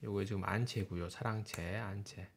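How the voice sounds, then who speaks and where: Gravelly low-voiced male professor lecturing. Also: steady tone, normal speed, slight background noise. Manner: explanatory, points things out on slides with short remarks. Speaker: university professor. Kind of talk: classroom lecture over slides.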